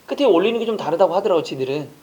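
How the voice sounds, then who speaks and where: A man teaching an online exam-prep lecture, quizzing listeners with rapid rhetorical questions and casual joking asides. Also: sits high, expressive, a little mellow.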